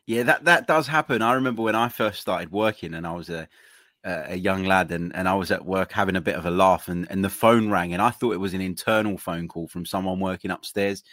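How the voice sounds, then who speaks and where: A man's voice: low-pitched, brisk, fairly bright tone, no room sound, clean studio sound. An English man hosting a betting podcast, reading quiz options and moving the show along. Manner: runs the quiz and steers the segments. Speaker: podcast host.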